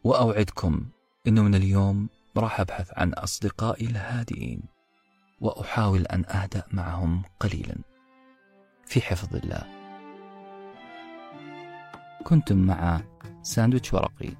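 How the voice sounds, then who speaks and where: A man's voice: low voice, moderate pace, creaky, pauses often, a little mellow, slightly rough, faint music behind. A man hosting a book-summary podcast, narrating reflectively and telling a story straight to his listeners. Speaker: podcast host.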